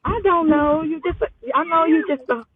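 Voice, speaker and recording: With a crowd audible in the background, a woman with a very high voice speaks at a moderate pace. She's a twenties-aged caller from Louisiana phoning from a parked car, chatting casually in a flustered, evasive, slang-heavy manner, with muffled phone-style audio.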